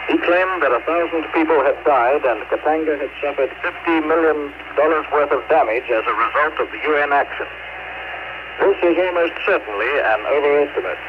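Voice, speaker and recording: A man's voice: on the high side, narrow, tinny audio, noisy background. A man reading a scripted news dispatch as a foreign correspondent, in a formal, declarative way over a shortwave radio feed.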